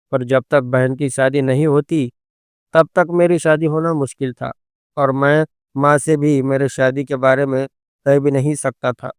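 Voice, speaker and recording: A man narrating a scripted first-person story in a steady, even manner. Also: medium pitch, clean tone, no room sound, clean studio sound.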